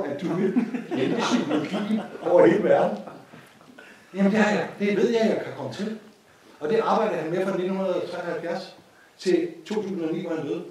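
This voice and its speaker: A man with a Danish accent giving an informal course lecture, telling a story with repeated phrases and lively asides. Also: on the high side, slight background noise. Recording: echoey hall from a distance.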